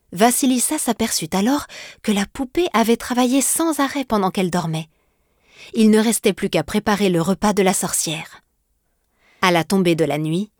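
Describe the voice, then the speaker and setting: A woman storyteller reading a fairy tale aloud in a steady, expressive way. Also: medium pitch, no echo, clean studio sound.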